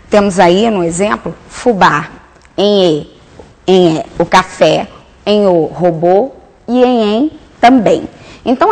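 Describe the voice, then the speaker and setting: A woman giving a grammar lesson as a teacher, explaining step by step and answering her own questions. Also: on the high side. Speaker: Portuguese teacher.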